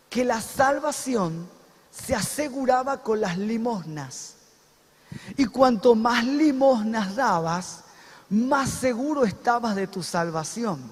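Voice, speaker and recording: A male pastor with a Rioplatense accent preaching a sermon emphatically, asking his congregation questions and rising to shouts. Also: very high voice, slightly rough, big-room sound. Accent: Rioplatense Spanish. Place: church sanctuary.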